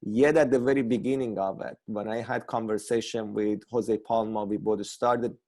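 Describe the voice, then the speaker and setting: Earnest guy, theater director, low mellow voice, kinda halting, talking over a video call. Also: steady tone. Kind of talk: online workshop talk.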